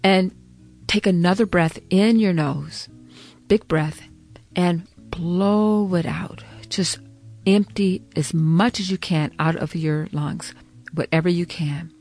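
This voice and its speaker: Slow, low-voiced woman guiding meditation. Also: a little mellow, faint music behind. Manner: soothing, encouraging, with halting phrases and repetition. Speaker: guided meditation instructor. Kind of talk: guided breathing meditation.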